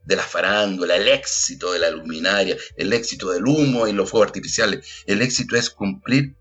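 A man's voice: low voice, fairly quick, fairly bright tone, breathy edge, soft background music. A middle-aged Chilean man, a theater actor and director, talking earnestly in an interview and often tagging his points with a questioning "ah?". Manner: earnest, keeps adding questioning tags. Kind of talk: reflective interview talk.

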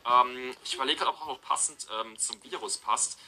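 A man's voice: mid-range voice, brisk, bright, forceful tone, slight background noise. A man hosting a casual video, explaining game voice lines at length with many fillers. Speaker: video host.

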